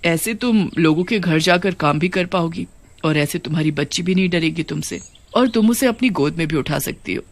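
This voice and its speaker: A woman's voice: fairly low pitch, normal speed. A woman playing a regal witch queen in a cartoon, grand and commanding yet kindly. The voice is dry and close, with no echo.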